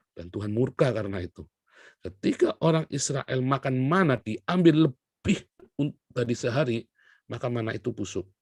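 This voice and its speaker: Male pastor, sermon; gravelly, blunt, folksy, dry close sound. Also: mid-range voice, no echo. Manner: lively preaching, voices short exchanges with God.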